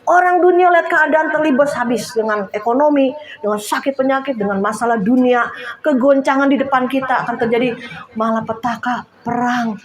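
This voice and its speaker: A woman from Indonesia preaching a sermon in a church, telling stories lively with frequent laughter and outcries. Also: sits high, a little fast. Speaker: lay preacher.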